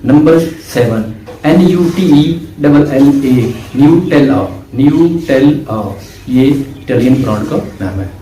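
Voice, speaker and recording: A man hosting a pronunciation lesson, spelling each word out letter by letter and then repeating it slowly, like a teacher. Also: medium pitch, lively intonation, mellow. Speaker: language teacher and channel host. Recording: roomy sound from away from the mic, faint noise.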